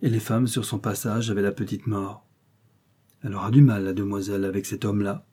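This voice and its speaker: A man reading a short story aloud as narrator, in a measured storytelling manner that lifts for the quoted dialogue. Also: lowish voice, steady tone, warm tone, husky.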